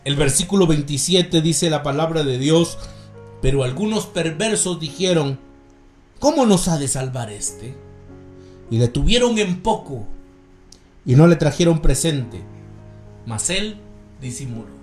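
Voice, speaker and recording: A man preaching a sermon in a Guatemalan Spanish accent, reading scripture and explaining it in a slow, measured way, often calling his listeners brothers. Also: fairly high pitch, lively intonation, reverberant, soft background music.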